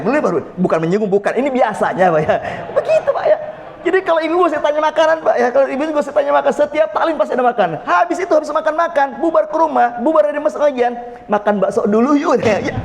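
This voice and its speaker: A man preaching a folksy, joking mosque sermon, often calling on his listeners directly. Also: extremely high pitch. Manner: folksy, jokes with the audience, addresses "Pak". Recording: long reverb of a mosque hall.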